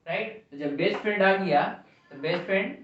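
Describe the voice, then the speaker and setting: A man's voice: high voice, fairly quick, a bit bright. A man teaching a classroom grammar lesson, asking the class questions and repeating their answers. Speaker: English teacher. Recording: echoey classroom from far off, dull.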